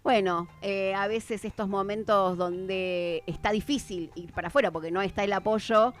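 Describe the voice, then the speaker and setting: A woman's voice: medium pitch, steady tone, normal speed. Reflective woman radio host. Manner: agreeable, reflective, frequent affirmations. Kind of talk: casual radio interview.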